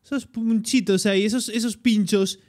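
A young adult man from Spain with a high voice and a Peninsular Spanish accent hosts a reaction video, commenting and translating aloud at a moderate pace. He's excitable and keeps interjecting, speaking into a desktop streaming mic at an indoor webcam setup.

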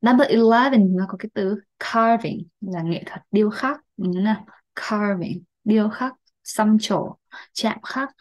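A woman's voice: mid-range voice, unhurried. A young adult woman with a Vietnamese accent, teaching English vocabulary and checking in often with tag questions.

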